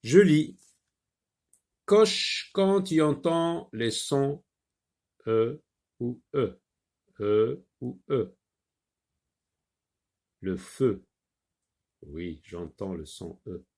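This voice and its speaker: A man teaching young children from a reading workbook, slowly sounding out words and repeating each sentence with patience. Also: mid-range voice, expressive, a little mellow.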